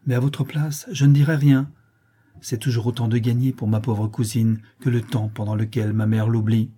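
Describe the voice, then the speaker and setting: A man reading aloud, voicing an impetuous, fiery young girl who protects her cousin, in a husky voice. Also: medium pitch, little pitch movement, moderate pace, dark tone, close to an everyday voice. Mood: defiant.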